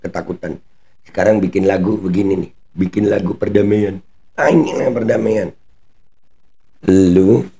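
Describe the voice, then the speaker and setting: This is a man delivering heated commentary on his own channel. His voice has a gravelly edge, and he talks in blunt, mocking street slang with the occasional swear word. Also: low voice, mellow.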